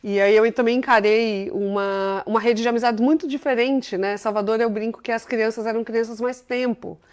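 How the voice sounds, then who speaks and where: A fairly high-pitched, slightly mellow woman's voice, clear and resonant, with fairly even intonation and moderate pace. She's a Brazilian CEO in her forties, telling her life story as an interview guest with chatty enthusiasm and plenty of filler tags.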